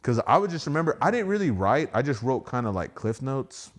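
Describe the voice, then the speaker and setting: A man's voice: medium pitch, fairly quick. A man with a Texan accent, a stand-up comic guesting on a podcast, telling stories in casual chat and acting out other people's voices. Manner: animated storyteller, acts out others' voices.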